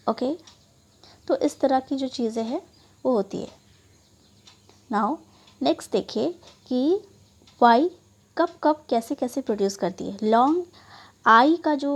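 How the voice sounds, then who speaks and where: A woman's voice: on the high side, darkish tone, breathy edge. A woman teaching English phonics in Hindi, spelling out letters and modeling each vowel sound with frequent okays. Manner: slow, deliberate delivery with many okays.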